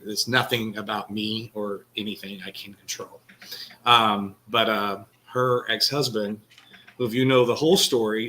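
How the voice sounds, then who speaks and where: A man's voice: on the low side, bright, forceful tone, low-quality recording. A man with a Texan accent, co-hosting a podcast and talking earnestly in a rambling, casual way. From Texas. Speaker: podcast co-host. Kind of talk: casual candid conversation.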